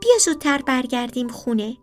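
A woman's voice: high voice, lively intonation, soft background music. A woman voicing a small, timid girl chick, whining to her brother in a storybook reading. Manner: whiny, timid. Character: small scared girl chick, a younger sister.

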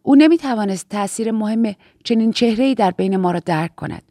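A woman reads a first-person audiobook at an ordinary middle pitch, steady and even. The recording is dry and close, with no room sound at all. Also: dry recording. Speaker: audiobook narrator.

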